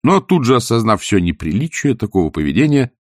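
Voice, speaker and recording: A man narrating a story with expressive storytelling. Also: on the low side, fairly quick, dry recording, clean studio sound. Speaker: audiobook narrator. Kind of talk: scripted narration.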